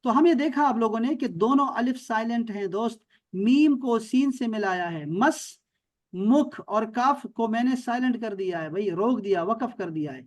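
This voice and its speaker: A man from Pakistan teaching Arabic in an online class, explaining patiently, repeating words and checking that his students follow. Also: very high-pitched.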